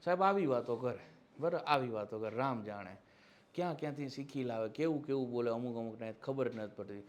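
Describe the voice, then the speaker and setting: A man's voice: mid-range voice, a little fast, a little hiss or hum. A man giving a classroom lecture as an exam-prep history teacher, with teasing, mocking satirical asides, who keeps checking that his listeners agree.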